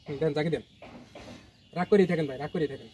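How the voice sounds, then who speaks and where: Fast-talking man directing a shoot. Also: a little high, a little mellow, a little hiss or hum. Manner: brisk, instructive, counting cues. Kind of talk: giving directions on a film set. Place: outdoor resort film set.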